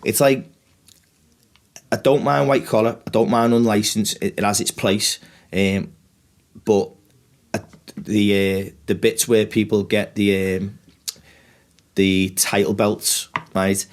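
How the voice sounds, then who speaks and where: A man's voice: fairly low pitch, slow pace, pauses often. A middle-aged man with a northern English accent chatting casually and telling stories animatedly, with plenty of swearing. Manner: animated storyteller, acts out exchanges, swears freely. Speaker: podcast guest, former fighter and trainer. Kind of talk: casual podcast chat.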